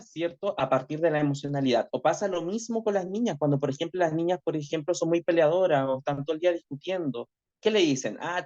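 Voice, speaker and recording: Male teacher, online class lecture, high-ish voice, reflective, constant tag questions, dull lo-fi call audio. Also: darkish tone.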